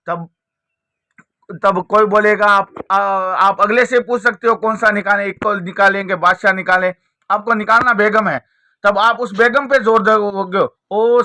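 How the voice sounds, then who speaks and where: High, bright-voiced man teaching a card trick. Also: dry recording, clean studio sound. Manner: repetitive step-by-step explaining with rhetorical questions. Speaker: magic trick teacher and presenter. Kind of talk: spoken card trick tutorial.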